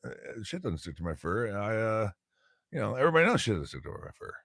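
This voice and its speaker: A man's voice: on the low side, sing-song, fast, gravelly, fairly bright tone, no room sound, studio quality, voice pushed up, heavily acted. A man voicing a smug, casual male rabbit in a told joke, speaking in an offhand, matter-of-fact way.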